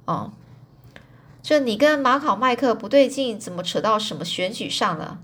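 A woman casually retelling a story, chatty, pausing to explain hard words, with many fillers. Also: on the high side, lively intonation, fairly bright tone, husky.

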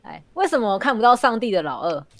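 A woman's voice: on the high side, sing-song, quick pace, dry recording. A woman co-hosting a podcast, telling jokes in a playful, teasing casual chat.

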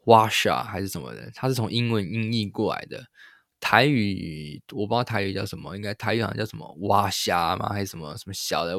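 A man's voice: lowish voice, no room sound, clean studio sound. A young man with a Taiwanese Mandarin accent, telling a rambling solo story as a podcast host and laughing at himself. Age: young adult.

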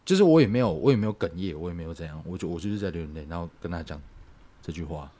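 A young man, telling a personal story on a podcast in a halting, reflective way. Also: deep voice, lively intonation, dark tone, slight background noise. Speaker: podcast co-host. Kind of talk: casual podcast chat.

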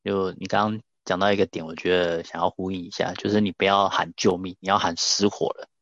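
A man's voice: sits low, flat delivery, fairly quick, a bit bright, dry recording. A man hosting a casual interview, asking thoughtful, reflective follow-up questions. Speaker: host. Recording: slightly dull lo-fi audio.

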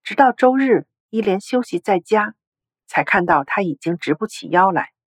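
A woman narrating a story article in a steady, even storytelling read. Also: mid-range voice, moderate pace, slightly rough, dry recording.

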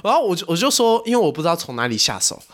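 A young man co-hosts a casual podcast in Taiwanese-accented Mandarin. His pitch sits a bit high and swings widely as he rushes through stories, laughing often. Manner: animated storytelling, laughs often. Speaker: podcast co-host. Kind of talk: casual chat.

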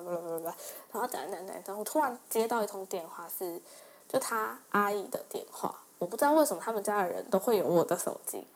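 A woman's voice: mid-range voice, a little hiss or hum. Chatty young woman telling a story. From Taiwan. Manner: animated, chatty, laughs often, many fillers. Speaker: host. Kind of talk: casual personal storytelling.

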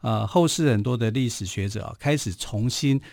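A man with a Taiwanese Mandarin accent hosts a radio history program, speaking in a loose storytelling way that is dotted with little filler particles. His voice sits at a middling pitch. The studio sound is dry and close. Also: moderate pace, creaky, a little mellow, no room sound. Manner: chatty, frequent filler particles.

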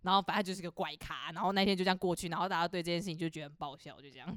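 A young woman, telling a story in a heated, animated way on a casual podcast. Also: lowish voice, racing, no room sound, clean studio sound. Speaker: podcast co-host. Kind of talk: casual chat.

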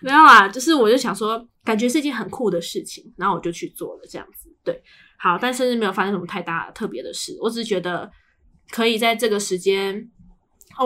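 A young adult woman co-hosting a podcast talks in a mid-range voice that's pushed and bright, with a Taiwanese Mandarin accent. Her casual chat is full of storytelling, and she acts out the dialogue.

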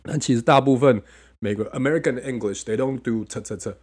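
A man's voice: medium pitch, a little fast, darkish tone, slightly rough. Male host, casual bilingual chat, mid-range voice, playful sound demos. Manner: mixes Mandarin and English, demonstrates sounds playfully.

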